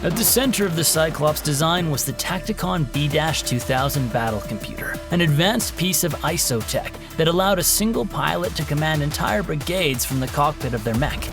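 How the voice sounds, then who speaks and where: A male narrator with a slightly higher-than-average voice and a gravelly texture. He tells a scripted sci-fi story and its background in a measured, dramatic way, with music clearly audible under his voice. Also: expressive.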